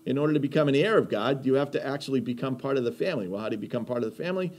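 A man's voice: mid-range voice, very fast, a little mellow, a little hiss or hum. A man teaching a Bible lesson in a conversational sermon style, emphatic, asking rhetorical questions and repeating key phrases.

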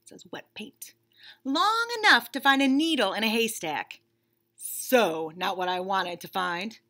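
Reading a picture book to children, this thirtysomething teacher sounds expressive and unhurried. Her voice is mid-range with a sharp tone, and her delivery is emphatic and instructive. She is seated in a small indoor room.

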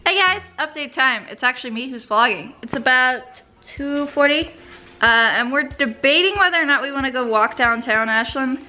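A woman's voice: sits high, animated, normal speed, pushed and bright, soft background music. A young woman from the United States chatting casually to camera in a vlog, giggly and full of fillers. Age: young adult. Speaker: vlogger.

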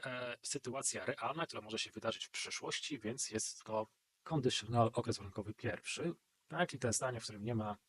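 A man's voice: mid-range voice, moderate pace, a bit bright, husky, no echo. A man teaching an English exam-prep grammar lesson and speaking English with a Polish accent, who explains step by step and keeps checking in with a questioning "right?".

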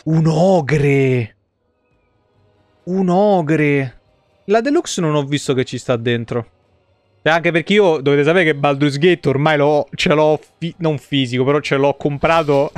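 In a slightly high voice and a little slowly, a male streamer from Italy gives colloquial, slangy commentary on his live gameplay. The indoor streaming room has no echo.

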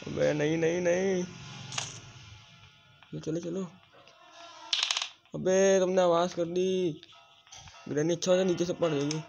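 A man's voice: high voice, fairly even intonation, slow pace, vocal fry, long pauses. A man commentating live gameplay, urgently repeating commands to his partner. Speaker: gamer playing with a partner. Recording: dull lo-fi audio over game music.

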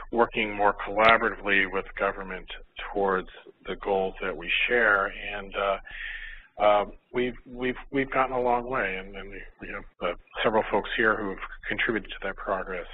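A man's voice: lowish voice, fairly even intonation, normal speed. An older man from Florida, a pediatrician, giving a conference lecture in a hesitant way with many fillers and restarts. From Miami, Florida. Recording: tinny phone-like recording, faint noise.

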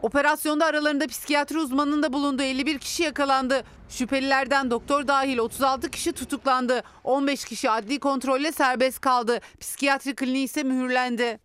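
A reporter reading a scripted news voice-over in a crisp, clipped way. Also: high-pitched, level tone, fast, few pauses, a bit bright.

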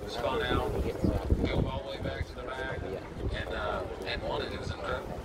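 A man's voice: medium pitch, moderate pace. Slangy male co-commentator over track speakers. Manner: casual and excitable, slangy co-commentator. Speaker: race announcer. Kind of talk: live race commentary over loudspeakers. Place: outdoor racetrack, heard from the grandstand. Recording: distant loudspeaker sound, loud outdoor noise with wind.

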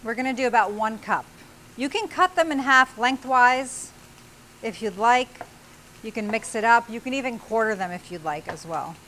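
A woman in her forties hosts a cooking show, giving friendly step-by-step instructions as she cooks in a small studio kitchen. Her voice is a little high and fairly bright. Recorded on a lapel mic, the audio is poor, with slight background noise.

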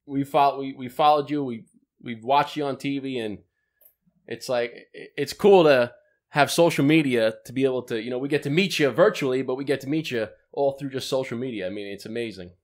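A man from Long Island, co-hosting a casual interview from a pool house, friendly and quick to laugh. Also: medium pitch. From Long Island, New York. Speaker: co-host.

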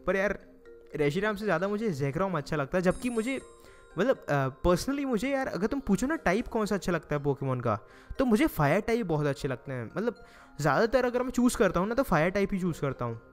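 Young indian guy, hindi accent, kinda high voice, chatty gameplay commentary, whiny groans, faint music behind. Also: very animated, a little fast. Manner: chatty, dramatic groans and pleading with the game. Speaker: gaming YouTuber. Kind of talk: casual Let's Play commentary.

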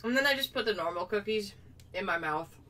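A woman's voice: mid-range voice, expressive, a little fast, bright, forceful tone. A young woman vlogging casually, playful and self-mocking, sometimes talking with her mouth full. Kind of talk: casual unboxing vlog. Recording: distant mic with faint room noise.

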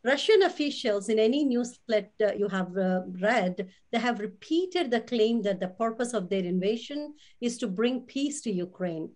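A woman's voice: fairly high pitch, lively intonation, normal speed, hardly any pauses, a little mellow. A woman hosting a talk show, introducing and questioning her guest with enthusiastic praise. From immigrant. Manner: enthusiastic, complimentary. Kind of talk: interview host.

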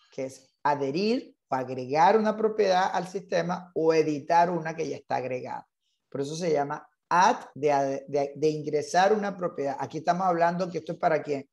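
A man's voice: fairly high pitch, gravelly, a little mellow. A man leading an online real estate training class, insistent and repetitive, mixing English terms into his Spanish.

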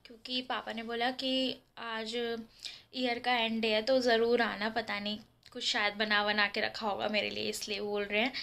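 Young woman vlogger from Delhi, bright, slightly high voice, chatty, talking close to a handheld phone. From Delhi, India. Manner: chatty, earnest, addresses viewers as guys. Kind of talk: casual vlog to camera. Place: indoors at home, face close to a handheld camera. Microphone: phone held at arm's length.

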